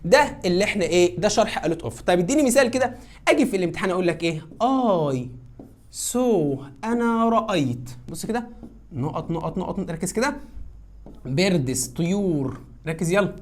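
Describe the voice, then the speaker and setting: A woman's voice: lowish voice, expressive, fairly quick. Woman, Egyptian Arabic accent, English teacher, coaxing, asks and answers herself. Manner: coaxing, repeats cues and answers her own questions. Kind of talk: classroom grammar lesson.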